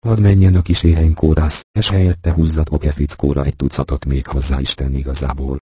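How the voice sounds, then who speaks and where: Mean mocking nobleman, sneery, man reading, deep husky voice. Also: flat delivery, warm tone, no echo. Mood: sneering. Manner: sneering, scornful. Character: cruel, mocking nobleman on horseback.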